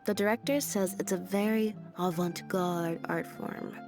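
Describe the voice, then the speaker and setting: A woman with a fairly low voice plays a laid-back, deadpan young stage magician's assistant in a video game. She speaks in an unhurried, matter-of-fact way over game background music.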